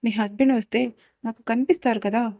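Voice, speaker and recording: A woman's voice: a little high, fairly even intonation, a little fast, dark tone, no room sound, clean studio sound, lightly acted. Storybook role: woman voicing a curious young girl, pestering, bewildered, raised voice. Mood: astonished.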